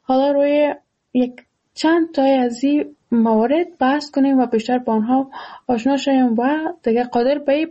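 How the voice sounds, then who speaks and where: A woman's voice: sits high, creaky, dark tone, dull audio. A woman with an Afghan Dari accent teaching a radio lesson on emotional health. She addresses listeners fondly and poses questions before answering them herself.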